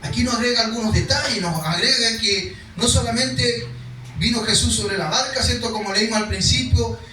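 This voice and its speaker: A man's voice: very high voice, moderate pace, pushed and bright, far from the mic, a little hiss or hum. A male pastor preaching, reading scripture aloud and then explaining it in a conversational way, sometimes acting out the cries of the people in the story. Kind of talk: sermon. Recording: echoey hall, speaker away from the mic.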